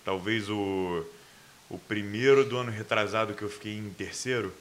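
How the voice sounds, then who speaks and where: A man with a Brazilian accent hosting a casual interview, chiming in with slang and quick backchannels. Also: on the low side, a bit bright, a little hiss or hum. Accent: Brazilian Portuguese. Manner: fast slangy talk, many short backchannels. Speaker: interview host.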